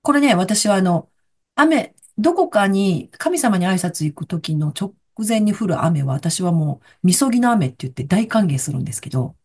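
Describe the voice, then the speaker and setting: A woman, a guest in a casual chat, telling stories in an animated way and laughing often. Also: on the low side, moderate pace, breathy edge.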